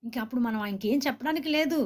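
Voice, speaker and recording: Woman preaching, fairly high voice. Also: quick pace. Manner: exhorting, asks listeners to say amen; speaks directly to viewers and comments. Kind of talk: sermon.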